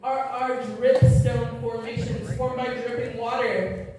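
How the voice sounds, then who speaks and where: A woman's voice: fairly high pitch, flat delivery, slow. A woman leading a group through an underground cave, giving upbeat, joking directions, her voice echoing through the cave. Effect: cave echo. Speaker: cave tour guide. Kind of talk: guided tour talk to a group. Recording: echoey cave, voice from far off, faint noise.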